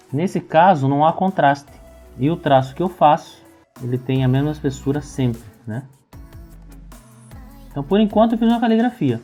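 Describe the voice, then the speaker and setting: Brazilian guy explaining lettering real fast, warm mellow voice, keeps asking "right?", light music behind. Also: a little high. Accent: Brazilian Portuguese. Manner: explains while writing, keeps checking in with "tá?" and "né?". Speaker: calligraphy and lettering teacher. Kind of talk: tutorial explaining while demonstrating.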